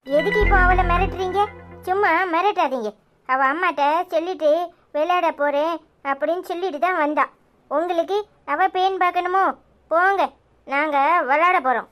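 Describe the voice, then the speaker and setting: A woman's voice: extremely high pitch, normal speed, fairly bright tone, faint music behind. A woman voicing an outspoken village woman in a cartoon who lectures indignantly, with a Tirunelveli Tamil accent. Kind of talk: cartoon voice acting.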